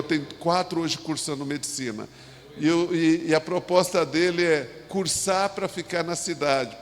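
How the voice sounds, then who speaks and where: Brazilian pastor preaching in a reverberant hall. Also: male voice, on the high side. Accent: Brazilian Portuguese. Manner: halting, with many restarts and rhetorical asides. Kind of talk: sermon. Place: church sanctuary.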